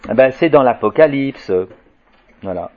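A man giving an informal lecture in a halting way, with restarts, filler tags and wry asides. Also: mid-range voice, animated. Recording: dull lo-fi recording.

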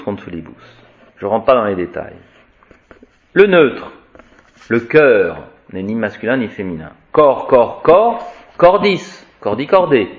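A man's voice: mid-range voice, lo-fi sound. A man teaching Latin grammar, reciting word endings in a repetitive sing-song and explaining each form. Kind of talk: spoken grammar lesson.

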